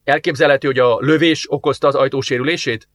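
A man's voice: mid-range voice, fairly even intonation, dry recording, natural voice. A man playing a male deputy commander who gives terse, commanding orders. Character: eager male deputy commander investigating a murder.

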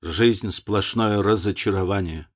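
A man voicing a world-weary young gentleman who talks in a sighing, languid way. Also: fairly low pitch, measured pace.

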